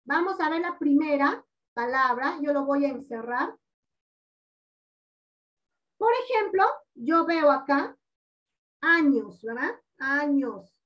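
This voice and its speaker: A woman teaching a primary school class over a video call, patient and coaxing, drawing out words slowly for the children. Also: high voice, expressive. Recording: dull lo-fi audio, distant from mic.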